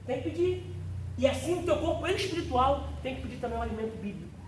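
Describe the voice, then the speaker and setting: A man with a very high-pitched voice and lively intonation talks fast as he teaches a theology class in a church classroom. His fervent, exclamatory preaching includes calling on listeners by name; the distant mic gives a roomy sound with faint noise.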